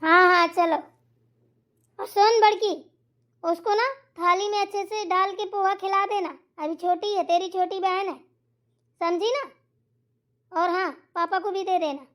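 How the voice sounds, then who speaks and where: Brief: scolding elderly cartoon mother-in-law, lowered but still high voice, slow drawn-out threats, put on by a woman. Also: fairly even intonation, a bit bright.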